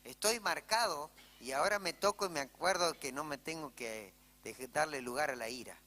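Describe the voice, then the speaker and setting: A male pastor with an Argentine Spanish accent preaches in church, his fairly high voice bright and forceful at a moderate pace. He tells stories conversationally and keeps checking in with the congregation through "¿sí?" asides, amid church hall reverb.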